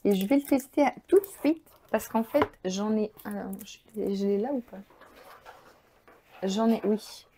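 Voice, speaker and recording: A woman's voice: medium pitch, measured pace, warm tone, slight background noise. A woman hosting a crafting channel, chatting casually and enthusiastically as she unboxes supplies, thinking aloud with many fillers.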